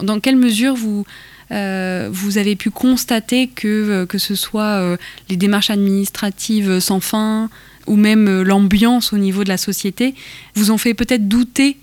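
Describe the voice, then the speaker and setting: A woman's voice: medium pitch, darkish tone, no echo. Dry-sounding woman interviewer. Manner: measured, hesitant questioning. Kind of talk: interview questions.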